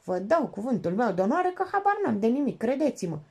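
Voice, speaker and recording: A woman's voice: on the high side, very animated, a little mellow, husky, pitched above the performer's own voice, full character voice. A woman reading an audiobook, voicing a timid, earnest young male lieutenant who pleads in a flustered way.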